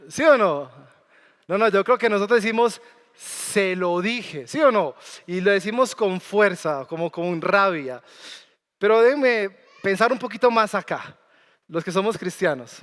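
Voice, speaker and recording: Male pastor, smooth high voice, conversational sermon, reverberant church hall. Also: fairly bright tone. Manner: conversational preaching with questions to the congregation. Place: church sanctuary.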